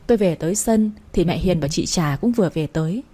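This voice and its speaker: Husky woman reading a first-person story. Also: on the low side, expressive, brisk, dark tone.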